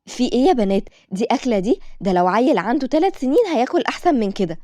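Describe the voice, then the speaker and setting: A fussing, affectionate old grandmother with an Egyptian lilt, as a woman reads her in a storybook. The voice is mellow and lively in pitch, the lines tumbling out fast in a dry, close sound. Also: no room sound. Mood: teasing. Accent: Egyptian Arabic. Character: doting, teasing old grandmother.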